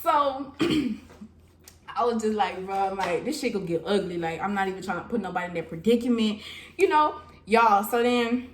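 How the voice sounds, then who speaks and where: A young woman telling a casual storytime vlog, animated and laughing as she talks straight to her viewers. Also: medium pitch, normal speed. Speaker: vlogger.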